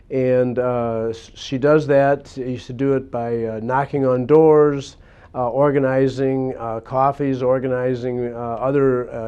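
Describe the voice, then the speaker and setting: A man hosts a local television interview, his voice at an ordinary middle pitch. He speaks haltingly, padding his questions with frequent filler sounds. The recording is dull and lo-fi, with muffled highs. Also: dark tone, clear, resonant tone. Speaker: interview host. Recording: dull lo-fi audio.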